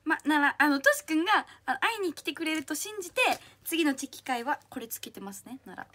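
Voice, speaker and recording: Very high, bright bubbly young woman. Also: expressive. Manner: bubbly, cutesy, quick to laugh and thank. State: slightly husky from a strained throat. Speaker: idol livestream host. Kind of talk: casual livestream chat reading comments.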